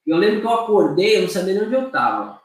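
A man's voice: high-pitched, sing-song, fast talker, crowd noise. A young Brazilian man with a Brazilian Portuguese accent, telling a story as a guest in casual chat, chatty and repeating words with slangy fillers. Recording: echoey room, far from the mic.

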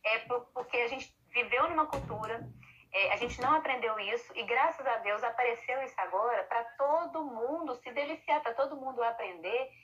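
A woman's voice: a little high, moderate pace, pushed and bright. A woman chatting casually about parenting, explaining with everyday examples. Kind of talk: casual chat on parenting and emotions. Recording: dull lo-fi sound.

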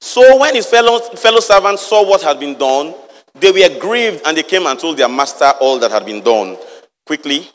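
A man's voice: on the high side, very animated, moderate pace, in a large hall. A man preaching a sermon, reading verses and firing rhetorical questions at the congregation. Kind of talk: lively sermon with Bible reading.

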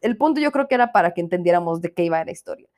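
Reviewing a series on her laid-back podcast, this young Mexican-accented host rants with lots of swearing and imitates people in exaggerated voices. She speaks rapid-fire in a lowish, expressive, darkish voice.

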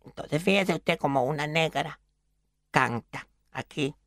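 Milagritos, a fussy gravelly old lady. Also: fairly high pitch, measured pace, a bit bright, no room sound, clean studio sound. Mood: storytelling. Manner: fretful, pious exclamations, calls people "mi amor". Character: fussy old woman storyteller, prim and easily shocked. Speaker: recurring character on a radio comedy show. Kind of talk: radio comedy sketch.

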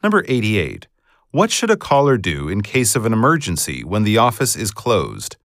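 Guy reading test questions, formal and clear, lowish voice, big pitch swings, dry sound. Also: wildly swooping pitch, normal speed, a bit bright, dry recording. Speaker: test narrator. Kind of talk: scripted exam narration.

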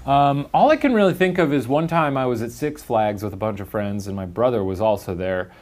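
A man's voice: mid-range voice, lively intonation, a little fast, a little mellow. A young adult man co-hosting a casual talk show, joking around and laughing often. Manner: playful, laughs often, jokey asides. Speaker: co-host. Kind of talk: casual chat.

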